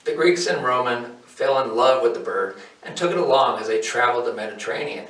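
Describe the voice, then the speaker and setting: A man in his forties, hosting a hobby farm channel, reads a scripted educational piece in a steady, informative way. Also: mid-range voice, brisk. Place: indoors, in front of a wooden wall. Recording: roomy, somewhat distant mic.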